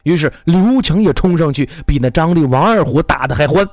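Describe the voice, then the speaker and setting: A male storyteller reading a folk tale with a voice that climbs high and swings widely. His delivery is animated and expressive, and the recording is dry and close to the mic. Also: brisk, no echo. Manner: lively and expressive, many voices.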